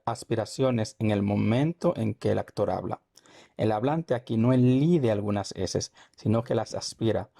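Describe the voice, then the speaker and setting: A man from the Dominican Republic with a Dominican accent, a Spanish teacher explaining language points in a measured, deliberate way with repeated examples. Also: lowish voice, gravelly, mellow.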